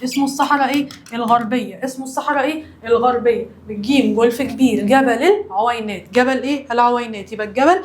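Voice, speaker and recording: A woman's voice: on the high side, rapid-fire, hardly any pauses, slight background noise. A woman with an Egyptian Arabic accent teaching a primary school lesson, asking a question, answering it and asking it again. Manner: repeats questions and answers, uses memory tricks. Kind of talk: primary school lesson with call-and-response drills. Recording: roomy echo, faint ambience.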